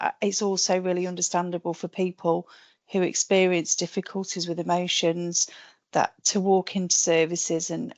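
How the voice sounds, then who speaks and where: A woman on a webinar panel speaks with enthusiasm, often repeating words as she gathers her thoughts. Her voice is low and gravelly, and the sound is dry and close. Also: dry recording. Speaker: mental health team clinician. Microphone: video call.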